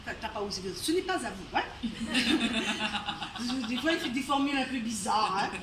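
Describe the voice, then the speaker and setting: A woman's voice: a little high, lively intonation, measured pace. A woman with a Réunion accent telling a folk tale live at an evening event, chatty, with asides to the audience and frequent laughter. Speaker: storyteller. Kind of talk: live oral storytelling. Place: storytelling evening in a venue. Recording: roomy, distant live venue recording with faint noise.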